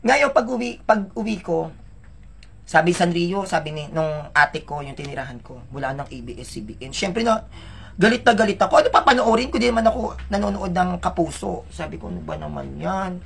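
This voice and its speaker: Man, casual vlogger, gravelly texture, chatty and emotional, speaks straight to viewers. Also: high-pitched, lively intonation, brisk, a bit bright, slight background noise. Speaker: vlogger telling his life story. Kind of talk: casual personal storytelling.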